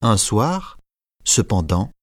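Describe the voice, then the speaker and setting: A man narrating a simplified classic novel in a measured, clear storytelling manner. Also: fairly low pitch, sing-song, no room sound, studio quality.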